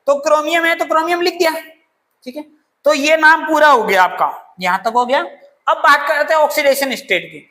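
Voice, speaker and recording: Bright high-voiced woman teaching chemistry. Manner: asks questions and answers them herself; homely examples, playful asides. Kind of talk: classroom lecture.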